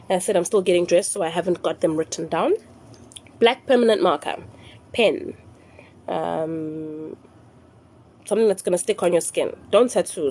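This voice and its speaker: A South African woman hosting a phone live stream, explaining rituals slowly and repeating her instructions, slipping into Zulu phrases. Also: on the low side, a little mellow. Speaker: spiritual live-stream host.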